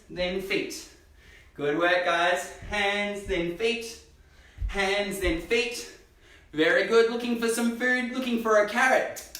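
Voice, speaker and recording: A man's voice: high voice, fairly bright tone. A man coaching a children's gymnastics class in a live stream, cheering the kids on with upbeat encouragement, heard from across a gym. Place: gym hall. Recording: roomy echo, distant from mic.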